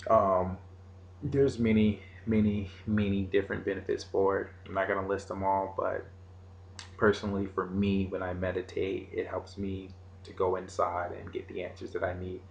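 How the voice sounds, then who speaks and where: A man giving an informal meditation lesson in casual, halting, unscripted phrasing. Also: low-pitched, flat delivery, gravelly, lo-fi sound. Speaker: meditation teacher. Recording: roomy echo, faint background noise.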